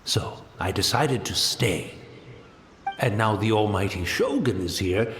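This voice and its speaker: An actor playing an old, blind male tea master in a game, gentle and courteous, calm and resigned. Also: fairly low pitch, measured pace, echoey room, slight background noise. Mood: reflective. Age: older. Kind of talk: game voice acting.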